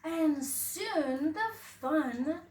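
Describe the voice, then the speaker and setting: A preschool teacher reads a children's picture book aloud in a very slow, high-pitched voice. She reads expressively, leans on dramatic emphasis, and puts questions to her young listeners. The sound is roomy, with a distant mic and faint background noise.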